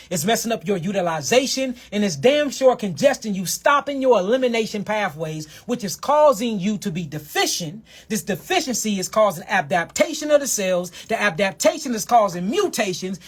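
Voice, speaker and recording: Husky man preaching health, emphatic. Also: very animated. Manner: emphatic, repetitive, drawls key phrases slowly, asides in a low mutter. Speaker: herbal health speaker.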